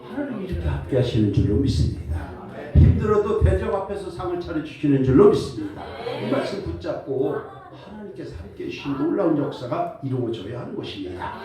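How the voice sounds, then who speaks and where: A man preaching as pastor, lively and joking, calling for responses from the congregation. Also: on the high side. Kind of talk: sermon. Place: church sanctuary. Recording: echoey church hall, voice from far off.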